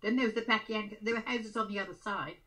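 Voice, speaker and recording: A very old woman, over a hundred, recalling things in casual conversation and halting now and then to repeat or search for words. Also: medium pitch, fairly even intonation, a bit bright. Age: over 100. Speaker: interviewee. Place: small room at home, indoors.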